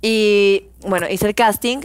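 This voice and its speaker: A woman's voice: medium pitch, unhurried, a little hiss or hum. A woman with a Mexican Spanish accent, an actress telling stories in a casual chat among friends. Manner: animated storytelling.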